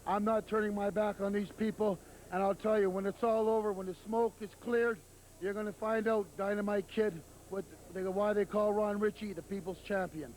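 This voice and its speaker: A man's voice: sits high, fairly even intonation, moderate pace, darkish tone, a little hiss or hum, poor audio. A man speaks earnestly and solemnly as he hypes a coming wrestling match. This is the sound of a 1989 TV broadcast interview.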